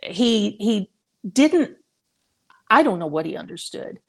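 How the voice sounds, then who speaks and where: A middle-aged woman speaks as a guest in a faith-based interview. She talks earnestly and haltingly, restarting her sentences and laughing lightly between thoughts. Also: medium pitch, big pitch swings, a little mellow. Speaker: guest, author and mother.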